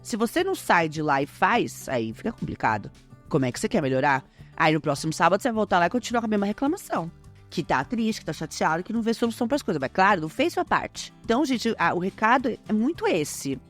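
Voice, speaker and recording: A woman with a Brazilian Portuguese accent hosting a podcast, talking casually and lively to her listeners. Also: mid-range voice, fast talker, faint music behind. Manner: chatty, lively, addresses listeners as gente. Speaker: podcast host.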